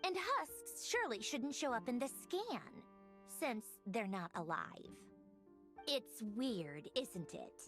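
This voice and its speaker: A woman's voice: a little high, big pitch swings, takes it slowly, a bit bright, soft background music, heavily acted. A woman voicing an irritable, brilliant scientist in a video game, curt and sarcastic when annoyed. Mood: musing. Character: irritable brilliant female scientist, impatient and sharp. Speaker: game character.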